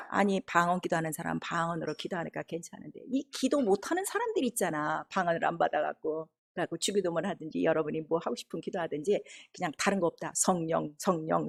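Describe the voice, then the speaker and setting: A middle-aged woman preacher telling a testimony in a sermon, animated storytelling with laughter and acted-out quotes. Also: fairly low pitch, vocal fry, breathy edge.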